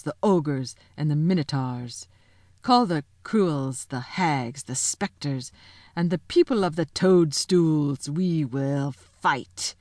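A woman voicing a cold, scornful witch queen who speaks slowly and commandingly. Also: low-pitched, no room sound, clean studio sound, full character voice. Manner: slow, commanding.

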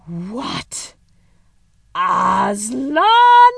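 A woman voicing a cruel, imperious witch queen in a storybook, slow, commanding and threatening. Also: low-pitched, expressive, darkish tone, no echo, full character voice. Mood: alarmed threat.

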